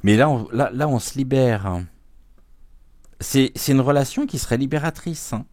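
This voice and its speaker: A man doing a live spiritual card reading, slow and halting with many pauses, sometimes talking aloud to an unseen guide as he draws cards. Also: medium pitch, darkish tone, no echo. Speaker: tarot and oracle card reader.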